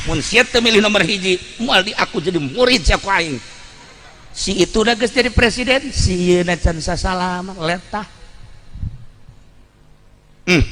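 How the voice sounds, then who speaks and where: His voice sits high, creaky and sharp-toned as this Islamic preacher, speaking with a Banten Sundanese accent, tells stories within a Sundanese sermon. He's blunt and colloquial and repeats phrases for emphasis, recorded in a reverberant hall with noise behind him.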